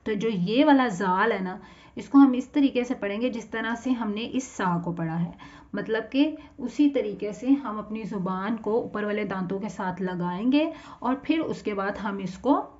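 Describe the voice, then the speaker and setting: Unhurried and darkish in tone, this mid-range female voice belongs to a Quran reading teacher for children with a Pakistani Urdu accent. She stretches out each letter sound, repeats it patiently, and describes the mouth shape needed. It's recorded with a muffled, lo-fi quality.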